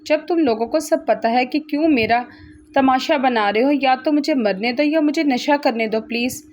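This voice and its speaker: A woman's voice: sits high, moderate pace, a little mellow, a little hiss or hum, natural voice. A woman voicing a grown man pleading in despair, begging to be let go. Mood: desperate. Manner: desperate, pleading.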